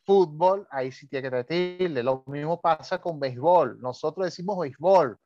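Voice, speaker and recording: A man's voice: on the high side, moderate pace, darkish tone, dry recording. Chatty Venezuelan man, muffled sound. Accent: Venezuelan Spanish. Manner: chatty storyteller with frequent laughs and asides. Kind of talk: casual conversation about spelling.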